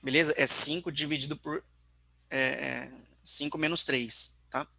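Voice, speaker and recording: A man's voice: a little high, fairly even intonation, measured pace, gravelly, pushed and bright. A man teaching an online physics class, working through calculations step by step and often checking in with his students.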